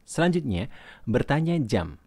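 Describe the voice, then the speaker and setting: A man teaching English grammar in a recorded lesson. He reads English example questions slowly and then translates them. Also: mid-range voice, very animated, darkish tone, husky, no room sound, clean studio sound.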